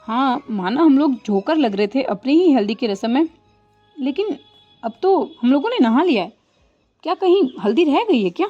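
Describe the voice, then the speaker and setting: Woman voicing a teasing young bride; lively, high, dull lo-fi sound with faint music. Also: normal speed.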